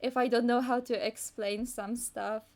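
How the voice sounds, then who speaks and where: Her voice is fairly high yet somewhat dark, steady, and moderately paced. She's a young Polish-speaking woman chatting informally as she draws live for her art audience, meandering with many fillers and false starts.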